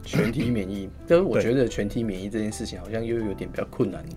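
A man's voice: fairly low pitch, quick pace. A man with a Taiwanese accent hosts a casual podcast chat, speaking colloquially and putting in short interjections. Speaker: podcast host. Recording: music playing under the talk.

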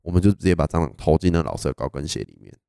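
A young man with a Taiwanese Mandarin accent, co-hosting a podcast and telling stories in a lively casual way, laughing often. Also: rumbling low, racing, vocal fry, clean tone, no echo, clean studio sound. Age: young adult. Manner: animated storyteller, laughs often. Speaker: podcast co-host. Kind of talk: casual storytelling chat.

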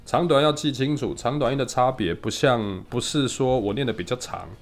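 A man teaching English vowel sounds in a relaxed lesson, patiently drilling his student with quick "good" and "OK" cues. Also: medium pitch. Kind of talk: casual phonics lesson.

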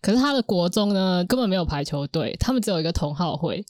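A woman chats on a podcast as co-host. Her voice sits on the low side, and she reasons calmly and persuades gently. The recording is close and dry. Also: quick pace, no echo. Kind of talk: casual chat, explaining a recommendation.

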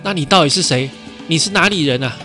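A man playing a rough, hot-tempered male bandit in a storytelling podcast. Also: fairly high pitch, quick pace, sharp tone, soft background music, voice pushed up. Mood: furious.

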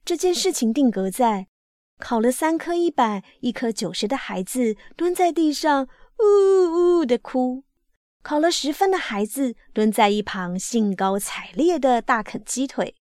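Woman narrating a story, higher voice. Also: lively intonation, measured pace, a little mellow, no room sound, clean studio sound. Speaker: reader.

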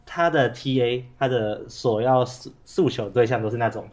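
A man's voice: medium pitch, normal speed, a little mellow. A man with a Taiwanese Mandarin accent co-hosts a casual podcast chat, muffled by a face mask and stuffed up with a cold and cough. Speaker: podcast co-host.

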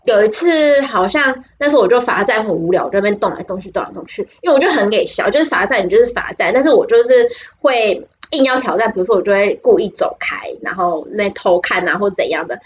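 A woman's voice: mid-range voice, animated, fast, few pauses, highs cut off. A young woman with a Taiwanese Mandarin accent, co-hosting a podcast and telling stories in a giggly, rambling way full of restarts. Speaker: podcast co-host. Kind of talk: casual storytelling chat.

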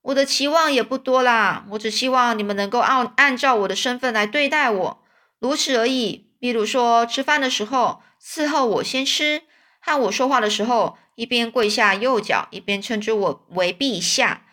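A woman's voice: on the high side, moderate pace, sharp tone. A woman doing a whining old bald fake king. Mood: demanding. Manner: whining, grandiose pleading. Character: old bald male swindler claiming to be king.

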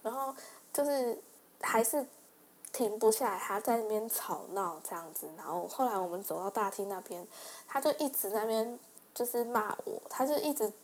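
A young woman tells a personal story as a casual host. Her delivery is lively and chatty, full of fillers, with frequent laughs breaking through. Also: fairly high pitch, moderate pace. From Taiwan. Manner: animated, chatty, laughs often, many fillers.

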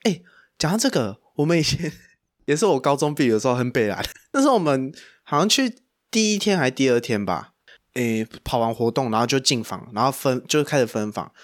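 Fast, lively Taiwanese-accented man telling stories. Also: medium pitch. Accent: Taiwanese Mandarin. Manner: animated, profane storytelling full of slang. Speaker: podcast co-host. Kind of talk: casual chat.

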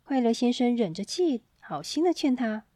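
A woman storyteller reading a children's story aloud in a gentle, expressive way, on a close mic. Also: on the high side, normal speed, no echo.

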